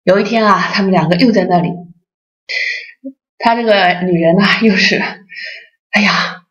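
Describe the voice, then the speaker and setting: A woman who heads a Buddhist association, giving a dharma talk with lively storytelling and acted-out voices, in a dull lo-fi recording. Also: mid-range voice, normal speed.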